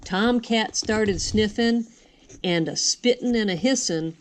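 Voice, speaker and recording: Older woman, sweet old lady manner, folksy rhythmic storybook reading, medium pitch, background noise and clicks. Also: takes it slowly. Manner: folksy, rhythmic delivery with dropped g's. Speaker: grandmother reading a picture book. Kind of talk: storybook read-aloud.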